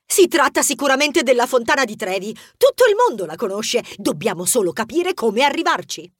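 A woman doing a brisk clever mouse girl. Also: on the high side, sing-song, breathy edge, no echo, studio quality.

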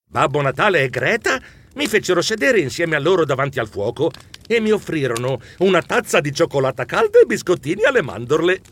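Highly expressive male storyteller. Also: brisk, a little hiss or hum. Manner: very expressive, squeaky when excited. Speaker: narrator. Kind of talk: animated audiobook narration.

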